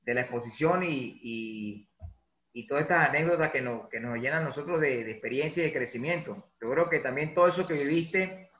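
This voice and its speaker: A man hosts an interview, leading into each question with long, filler-laden lead-ins. His tone is bright and forceful, heard in an echoey room on a dull, lo-fi recording. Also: mid-range voice, a little fast. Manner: rambling, filler-heavy questions. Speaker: host, interviewer. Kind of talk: conversational interview hosting.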